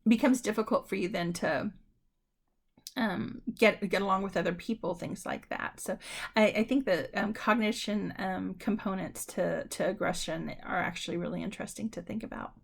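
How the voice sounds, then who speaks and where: A woman lecturer talks her students through the material in a loose, conversational way, pausing on ums and restarting sentences. Her voice has a gravelly edge and sits at an ordinary middle pitch. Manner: addresses students directly. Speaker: university lecturer. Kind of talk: recorded lecture.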